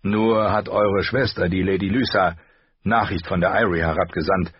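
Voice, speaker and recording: Man doing a slow, gruff burly lord. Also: low voice, fairly even intonation, no room sound, highs cut off. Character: burly, blunt, clumsy male lord.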